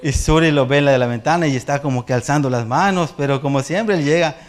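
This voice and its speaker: A middle-aged man with a Mexican accent preaching a sermon, telling family stories in a lively way and laughing often. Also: fairly high pitch, quick pace. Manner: animated storyteller, acts out family voices and laughs often. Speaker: pastor. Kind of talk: sermon with personal storytelling.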